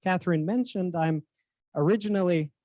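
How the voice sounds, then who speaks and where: Man with a dry, higher voice. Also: normal speed, mellow, dry recording. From Bulgaria. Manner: hesitant, with frequent fillers and restarts. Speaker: Hebrew instructor introducing a guest speaker. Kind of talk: formal introduction with acknowledgements.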